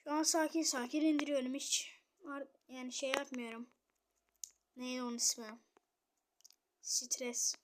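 A young woman casually commenting on her gameplay, muttering to herself and then shouting at opponents. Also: sits high, level tone, a little slow, pauses often, slight background noise. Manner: chatty, swings between muttering and loud outbursts at opponents. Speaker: gamer streamer.

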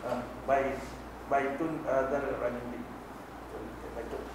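A man's voice: mid-range voice, flat delivery, takes it slowly. A man in a class, asking hesitant questions. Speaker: student. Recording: echoey room, from far off.

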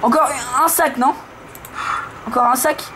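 High-voiced woman gaming, noisy recording. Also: a little slow. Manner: excitable, urging on the player. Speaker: gaming video host. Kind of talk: casual horror game commentary. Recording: noisy room, low-grade camera audio.

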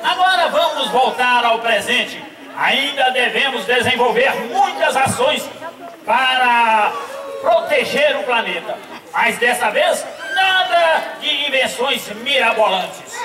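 A pompous inventor doctor proclaims proudly in theatrical style. His voice is extremely high, with long reverb, heard from far off across a stage. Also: lively intonation, slow, heavily acted. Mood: solemn pride. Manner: grandiose, theatrical announcing. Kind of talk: amateur children's stage play. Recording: echoey, reverberant distant stage with crowd.

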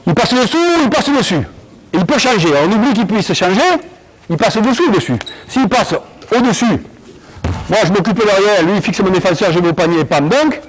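A man coaching a basketball drill in an indoor gym, calling out commands and explaining moves in an animated, commanding way. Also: high-pitched, fairly quick, poor audio. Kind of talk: on-court coaching demonstration.

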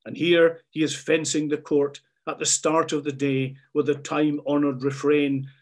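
A man's voice: on the high side, flat delivery, moderate pace. A man reading a scripted documentary narration.

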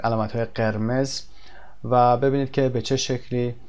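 A man teaching a recorded language lesson. He explains in quick bursts, pauses on fillers, and reads his example sentences slowly and carefully. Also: mid-range voice, flat delivery, a little mellow, clear, resonant tone. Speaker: English teacher.

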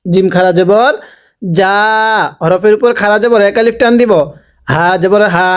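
A man teaching Quran recitation by spelling out each syllable, slowly drawing out the words as he recites them and pausing to explain the rules. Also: sits high. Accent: Bangladeshi Bengali. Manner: slow, drawn-out recitation of syllables, with instructions in between.

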